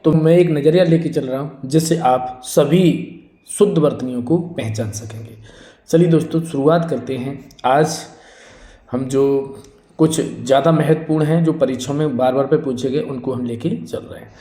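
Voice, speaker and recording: A man's voice: a little high, moderate pace, mellow, echoey room. A man teaching Hindi spelling for exam prep, repeating each word, asking a question and answering it himself, and calling his students friends. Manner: repetitive drilling, asks then answers his own questions; addresses students as friends and brother.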